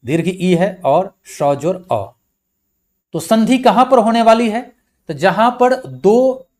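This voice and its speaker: A man teaching a grammar lesson. He goes slowly and patiently, repeating himself and spelling out each letter step by step. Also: on the high side, a little mellow. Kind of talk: slow blackboard-style lecture.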